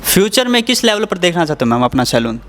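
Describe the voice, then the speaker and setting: A man's voice: high voice, very animated, quick pace, fairly bright tone, a little hiss or hum. A man with a Haryanvi accent, interviewing a guest politely, with some light teasing. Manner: polite, teasing, frequent backchannel hums. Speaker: interviewer, channel host. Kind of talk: casual interview questions.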